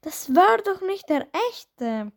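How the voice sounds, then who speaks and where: A woman voicing a sulky, quiet young boy who mumbles short answers in a storybook reading. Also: extremely high pitch, sing-song, slow, pitched above the performer's own voice, full character voice. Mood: cheeky. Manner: mumbling, terse.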